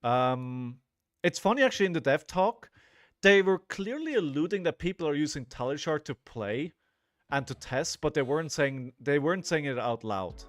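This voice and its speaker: In clean, studio-quality audio with no echo, a man in his forties speaks at a moderate pace in a somewhat high, expressive voice. He's casually commentating a card game live, wandering off on tangents, reasoning aloud, talking to his audience, and tossing in "right?" again and again.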